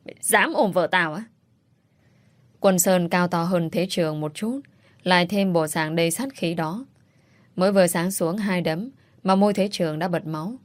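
Woman, audiobook narrator, steady storytelling, low-pitched voice, faint background music. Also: dry recording.

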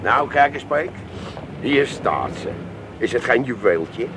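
In a 1980s comic radio play, an actor plays a slick, pushy male used-car salesman who is shamelessly upbeat and wildly animated. His medium-pitched voice delivers fast, brazenly glib sales patter full of glib reassurance, and the recording is very noisy.

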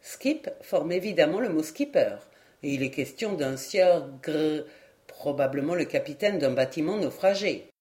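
Calm methodical lord, read by a woman. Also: deep voice, measured pace.

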